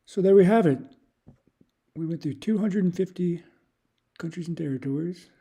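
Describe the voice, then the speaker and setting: Very dark-voiced man reading a list. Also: high-pitched, normal speed, husky. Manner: reads off long lists in a steady run; thinks aloud with hesitant restarts. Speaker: YouTube creator. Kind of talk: casual live-stream commentary.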